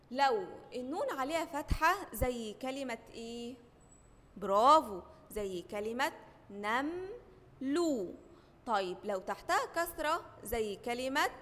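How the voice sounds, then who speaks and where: Egyptian woman as primary teacher, high bright voice, quizzes her class call-and-response, recorded in a reverberant room. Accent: Egyptian Arabic. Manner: asks questions and answers them herself, call-and-response. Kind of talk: children's classroom lesson.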